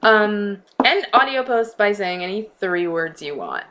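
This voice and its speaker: A woman's voice: mid-range voice, lively intonation, a little slow, fairly bright tone, a little hiss or hum. A woman with a Northeastern American accent leaning slightly New York and New Jersey, chatting casually and playfully through a list of questions. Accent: US Northeast, slight New York-New Jersey tilt. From United States. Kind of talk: casual question-and-answer reading prompts aloud.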